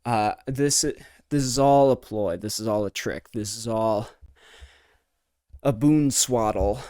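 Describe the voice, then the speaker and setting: A man's voice: lowish voice, darkish tone, no room sound. A man doing a rambling, comedic mic test in a goofy, playfully theatrical manner, close on the microphone. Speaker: video creator.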